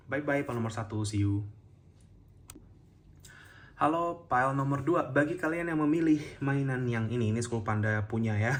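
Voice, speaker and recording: Male tarot reader, low voice, relaxed and chatty with soft laughs. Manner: gentle, chatty, many fillers and soft laughs. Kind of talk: casual tarot reading to camera.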